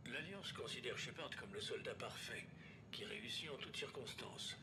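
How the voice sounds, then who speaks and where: A man playing a stern official presenting a military dossier in a video game, formal, with a gravelly voice. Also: lively intonation, moderate pace, close to an everyday voice. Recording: noisy recording with low rumble.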